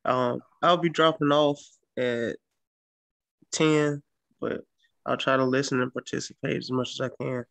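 A man's voice: mid-range voice, steady tone, measured pace, gravelly, long pauses, a bit bright, no echo. An American man casually introducing himself to a group on a video call.

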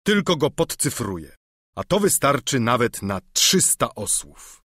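A man reading a storybook, voicing a solemn, lovesick old knight who speaks slowly and declaims. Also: mid-range voice, big pitch swings, fairly bright tone, husky, no room sound, studio quality, exaggerated voice. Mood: assured. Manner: slow, grave, declamatory. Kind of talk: audiobook character reading.

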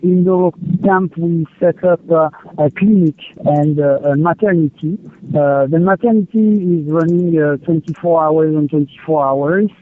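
Slow hesitant man on a crackly satellite phone. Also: on the high side, fairly even intonation. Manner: hesitant, many pauses and filler sounds. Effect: distorted satellite phone line. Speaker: aid field coordinator interviewed by phone. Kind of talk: remote interview answers. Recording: tinny satellite phone line.

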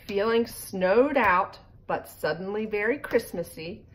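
A middle-aged woman reads a children's picture book aloud by the fireplace in her living room, adding casual asides along the way. Her medium-pitched voice has lively intonation and a measured pace. She records on a phone propped in front of her, so the sound is rough, with background noise.

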